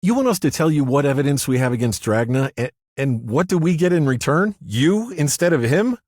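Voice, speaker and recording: A man voicing an outraged male federal lawyer who yips his protests in a shrill, incredulous voice. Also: expressive, a little fast, a little mellow, dry recording, studio quality. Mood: indignant.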